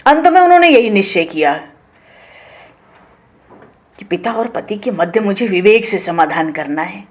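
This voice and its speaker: Expressive woman telling scripture stories. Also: medium pitch, measured pace, pauses often. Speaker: devotional storyteller. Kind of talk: scripture storytelling discourse.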